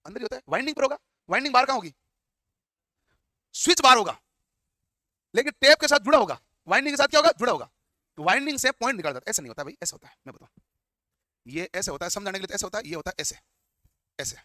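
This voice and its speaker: Fast, bright-voiced male teacher. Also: high-pitched, big pitch swings, no echo, studio quality. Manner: asks and answers his own questions. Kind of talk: classroom lecture. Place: classroom.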